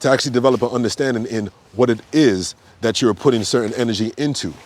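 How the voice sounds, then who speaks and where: A man's voice: medium pitch, quick pace. A man, a yoga teacher, talking in a loose, unscripted monologue, blunt and profane, with sudden emphatic outbursts. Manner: loose, repetitive phrasing with frequent fillers. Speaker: yoga teacher and health coach.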